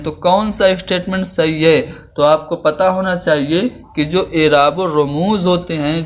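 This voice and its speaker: A man teaching exam preparation, restating each Urdu term in plain Hindi and English and slowing down to demonstrate example sentences. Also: a little high. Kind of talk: lesson explaining exam questions.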